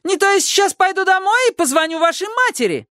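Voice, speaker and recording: A man voicing a shrill, spiteful elderly woman neighbor who scolds and gloats in a squealing voice. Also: very animated, fast, sharp tone, no echo, clean studio sound, exaggerated voice. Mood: shrieking. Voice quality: shrill, shrieking.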